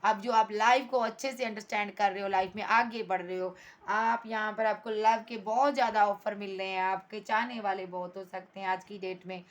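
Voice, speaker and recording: A woman's voice: medium pitch, steady tone, normal speed. A woman giving a tarot reading to her viewers, blunt and emphatic, scolding the absent partner and calling the listener "bhai" and "darling". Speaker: tarot reader.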